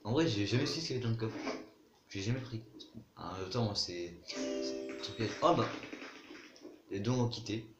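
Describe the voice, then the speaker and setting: A man's voice: fairly low pitch, brisk, long pauses, echoey room, highs cut off, music in the background. A man casually commenting on his own gameplay, chatting, explaining game mechanics and talking to other players. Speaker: gaming YouTuber.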